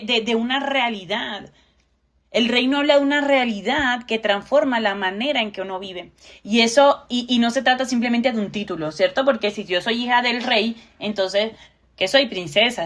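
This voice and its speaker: Higher-voiced woman, earnest preacher. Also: normal speed, a bit bright. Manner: earnest, conversational preaching with rhetorical questions. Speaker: co-host.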